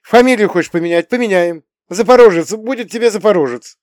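A man voicing a loud excitable Soviet mom. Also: moderate pace, smooth, dry recording, studio quality. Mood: fierce, warm. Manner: exclaiming, high and excitable. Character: emotional loud Soviet mother, middle-aged woman. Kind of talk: audiobook character reading.

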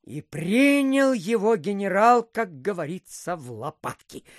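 A high, sing-song voice at a slightly slow pace belongs to an actor portraying a self-important provincial official in an audio drama. He tells his animated, digressive stories thick with filler phrases. The studio sound is clean, with no room sound.

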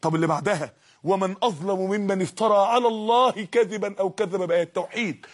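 A man's voice: sits high, fast talker. A man with an Egyptian Arabic accent giving an impassioned Islamic sermon, repeatedly exhorting his listeners. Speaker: preacher.

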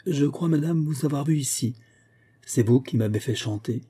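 An earnest young orphan girl speaks with hopeful eagerness, as a man reads her. The tone stays dark and husky. She is a storybook heroine, sincere and wide-eyed. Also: medium pitch, normal speed, pitched above the performer's own voice, lightly acted. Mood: shy.

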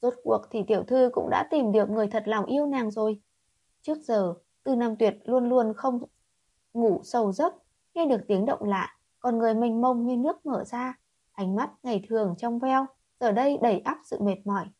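Husky woman narrating an audiobook. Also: fairly high pitch, moderate pace, dark tone, no echo, dull audio. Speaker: audiobook reader. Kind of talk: scripted narration of a romance novel.

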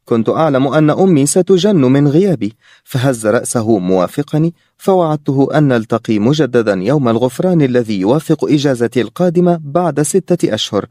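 A man reading a novel aloud at a mid pitch, keeping a steady and even storytelling pace. The voice is dry and close, with no echo at all. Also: brisk. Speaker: audiobook narrator. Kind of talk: audiobook narration of a novel.

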